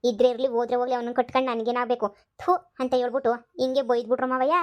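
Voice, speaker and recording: Woman casting as a wheedling young village maid for a cartoon comedy: high, quick, coaxing. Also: flat delivery, muffled recording, close to an everyday voice. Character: coaxing young village housemaid, sly and sweet-talking.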